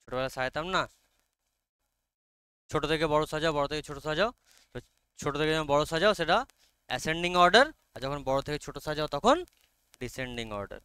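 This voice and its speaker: Slightly high, bright and forceful, this online teacher's clean voice carries no room sound. With a Bengali accent, he goes through an English text line by line in a coaxing manner, often confirming students follow and reading English lines very slowly.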